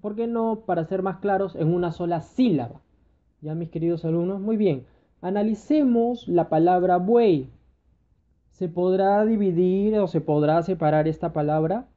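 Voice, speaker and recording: A male teacher with a high voice explains grammar exercises patiently, pausing often to check that his students follow. The sound is thin and tinny, like a phone line. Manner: addresses students fondly, checks understanding with repeated "ya". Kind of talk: recorded grammar lesson.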